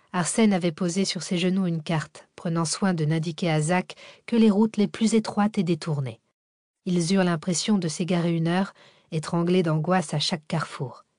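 A woman reads a thriller audiobook in a steady, measured way. Her voice sits on the low side, and the recording is dry and close. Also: no echo. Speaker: audiobook narrator. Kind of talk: scripted narration.

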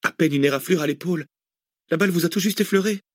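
A man's voice: on the high side, fast talker, no room sound, studio quality, pitched above the performer's own voice, lightly acted. A man reading an audiobook, voicing a terse, cool-headed fugitive with clipped replies. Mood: curt. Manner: curt, clipped, laconic. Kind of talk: audiobook character voice.

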